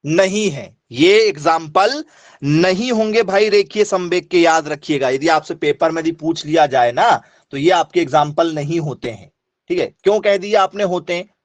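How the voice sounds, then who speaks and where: A man's voice: on the high side, moderate pace, no echo. A male teacher giving an online class lecture. He repeats his points and keeps quizzing students, asking them for yes or no replies.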